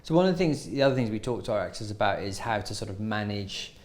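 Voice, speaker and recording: A man's voice: on the low side, lively intonation, fast talker, a little mellow. A man interviewing an actor at a film school, asking long, winding questions.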